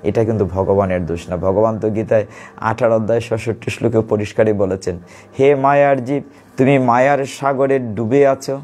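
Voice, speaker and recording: A man giving a devotional sermon to a home gathering, reciting verses slowly and then explaining them. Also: fairly low pitch. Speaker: Gita preacher.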